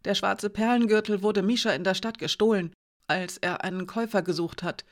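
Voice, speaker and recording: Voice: medium pitch, steady tone, a little fast, natural voice. An audiobook reader voicing a nervous male servant who stammers and rambles as he pleads. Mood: frightened. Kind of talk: audiobook character voice.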